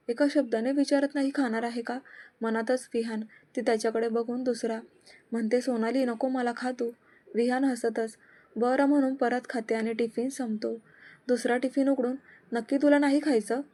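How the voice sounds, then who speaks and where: A woman narrating a serialized love story and reading all the characters' dialogue in one steady voice. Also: a little high.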